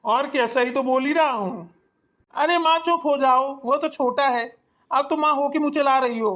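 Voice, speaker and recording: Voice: sits high, normal speed, fairly bright tone. A performer voicing a grown son in a Hindi cartoon, who reasons with his mother in an earnest, persuasive way. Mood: pleading.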